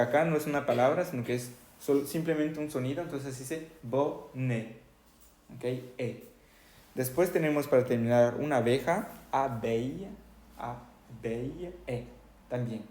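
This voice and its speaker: A man gives a French pronunciation lesson at a steady, mid-pitched tone. He models each sound slowly and checks in constantly with the class. His voice carries a noticeable roomy echo. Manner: repeats "¿ok?" after nearly every phrase, demonstrates sounds slowly. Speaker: French teacher.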